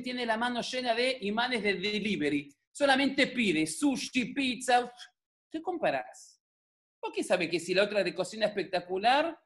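Filmed at home, a middle-aged man with a high voice and a Rioplatense Argentine Spanish accent delivers a religious talk. He tells stories in a humorous way, animated and jokey, throwing many asides to the audience.

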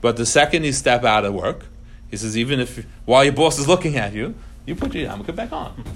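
With a mid-range, fairly bright voice and lively intonation, a man delivers a brisk informal lecture to students on religious law. He drives points home emphatically, repeats key phrases and slips Hebrew terms into his English.

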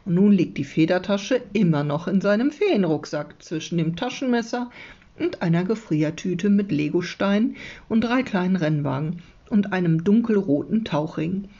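Woman calmly reading a children's story aloud. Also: on the low side. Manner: calm, measured storytelling. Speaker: teacher reading aloud to her class. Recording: dull, muffled lo-fi recording.

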